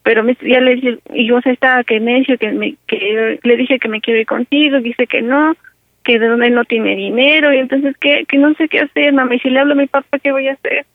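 A man's voice: extremely high pitch, steady tone, brisk, dry recording. A man putting on the voice of a distraught young woman who pleads with her mother in a tearful, rambling way. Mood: pleading. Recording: tinny phone line.

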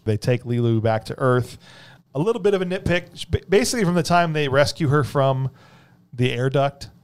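Male podcast host, medium pitch, casual jokey film discussion. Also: expressive, brisk, smooth.

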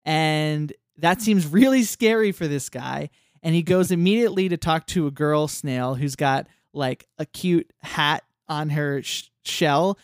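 A podcast co-host talks through a cartoon episode in a loose, rambling way, full of "like" fillers and bits of acted-out dialogue. The voice sits at a middle pitch. The recording is dry and close. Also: measured pace, no room sound. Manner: acts out quoted lines. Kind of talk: casual chat recapping a cartoon episode.

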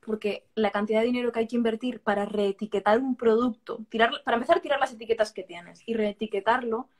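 A woman's voice: fairly high pitch, fast talker, darkish tone. A woman from Barcelona, a guest on a podcast, talking frankly in a casual conversation and often restarting words. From Barcelona, Spain. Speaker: podcast guest, vegan author.

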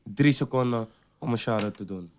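A man interviewing a guest in a casual chat, relaxed and quick to laugh along. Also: fairly low pitch.

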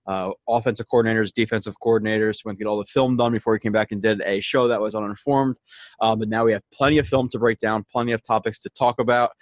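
Fast-talking man co-hosting a podcast. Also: fairly low pitch, steady tone, dry recording. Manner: fast, loose, with fillers and frequent laughs. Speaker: podcast co-host. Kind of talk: casual film-breakdown chat.

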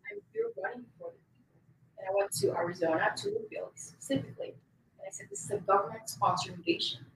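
Emphatic young woman, lively echoey voice. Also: medium pitch, fast, slight background noise. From Colombia. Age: 20s. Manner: emphatic, campaign-speech delivery. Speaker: political candidate guest. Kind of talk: interview. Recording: echoey room with faint ambience.

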